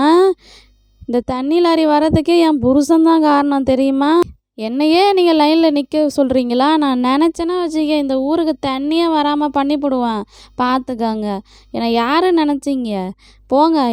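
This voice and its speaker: A woman's voice: high-pitched, darkish tone, no room sound, clean studio sound, lightly acted. Woman voicing a bossy, boastful village woman. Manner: boastful, threatening, scolding. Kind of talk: doll play voice acting.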